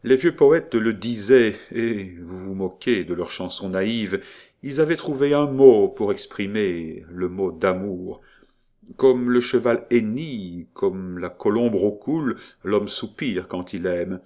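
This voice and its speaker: A man narrating a literary audiobook in a measured, declamatory reading. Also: fairly low pitch, darkish tone.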